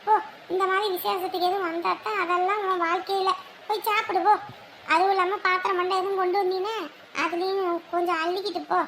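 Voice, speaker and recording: An actress playing a sharp-tongued, gossiping older woman, taunting and sarcastic. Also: extremely high pitch, little pitch movement, fast talker, slight background noise. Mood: mocking. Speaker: mocking older relative. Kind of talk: village family drama acting.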